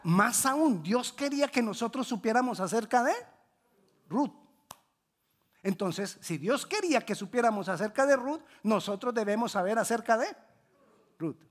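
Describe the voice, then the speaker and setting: A Bible class teacher retelling a scripture story, repeating phrases for emphasis, correcting slips mid-sentence and quizzing the class. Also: medium pitch. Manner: repetitive, emphatic teaching, asks the class questions.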